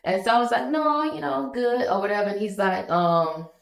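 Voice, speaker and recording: A woman in her thirties, a business owner telling stories in a relaxed, conversational interview chat. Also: mid-range voice, brisk, creaky. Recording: echoey room.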